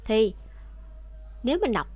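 A woman's voice: a little high, big pitch swings, unhurried, darkish tone, slightly rough. A woman teaching a language lesson online, explaining rules patiently and speaking directly to her viewers.

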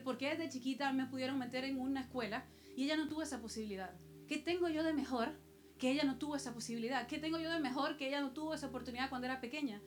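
A woman's voice: high-pitched, slight background noise. A woman pastor from El Salvador, preaching a sermon with personal stories and rhetorical questions to the congregation.

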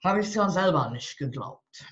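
A woman with a fairly low, expressive voice talks at normal speed amid a little hiss or hum. Turning 60, this divorce coach and author guests on a casual interview, bluntly and humorously explaining how she coaches people; the lo-fi audio is slightly dull.

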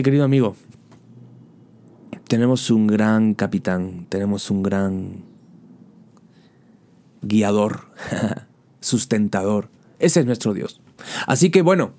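A man preaching with a mellow, warm tone. He builds each point through repeated rhetorical questions and direct appeals, his delivery rising with passion. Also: medium pitch, unhurried, long pauses. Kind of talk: sermon.

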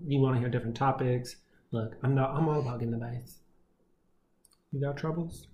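A man in his twenties co-hosting a podcast, chatting in an animated, joking way. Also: medium pitch, a little fast. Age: 20s. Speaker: podcast co-host. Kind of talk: casual chat. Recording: echoey room, faint background noise.

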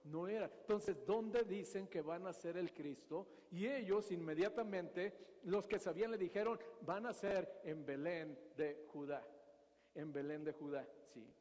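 A man teaches a sermon from the Bible and keeps turning questions back to his listeners. His voice sits high for a man. The sound carries a long reverb from a hall. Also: measured pace, darkish tone. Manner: asks the audience questions and acts out scenes. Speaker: preacher.

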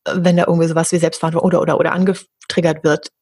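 A middle-aged woman speaking as an interview guest, earnest and animated, who sometimes acts out the voices of other people. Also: lowish voice, very fast, breathy edge, dry recording, studio quality. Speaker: interview guest, hypnosis practitioner. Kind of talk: candid conversational interview.

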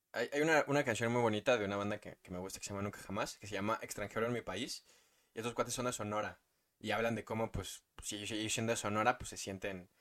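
Low-voiced man. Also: a bit bright. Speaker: podcast co-host. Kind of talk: casual chat.

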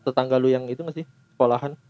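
A man's voice: mid-range voice, steady tone, mellow, clear, resonant tone. A man, hosting a podcast in a chatty, joking way. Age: 30s. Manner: joking, chatty, lots of quick agreeing. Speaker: podcast host. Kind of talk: casual chat.

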